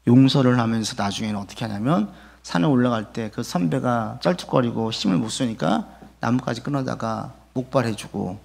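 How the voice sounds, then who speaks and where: A man's voice: medium pitch, animated, fairly quick, vocal fry, a little mellow. A male pastor preaching a sermon, telling a story, acting out the people in it and asking the congregation rhetorical questions. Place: church sanctuary.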